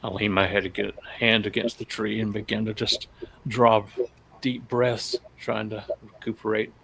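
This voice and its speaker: A man's voice: fairly low pitch, flat delivery, measured pace, creaky, a bit bright, husky, low-quality recording. A man playing a tabletop game, talking casually with wry banter. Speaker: player.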